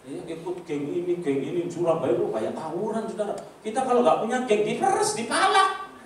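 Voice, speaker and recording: An older man preaching a personal testimony, telling stories with animated asides to the congregation and acting out the voices of others. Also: high voice, a little fast, a little hiss or hum. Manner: lively storytelling, acts out voices, congregation asides. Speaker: pastor. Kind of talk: sermon testimony. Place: church hall. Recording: echoey hall from far off.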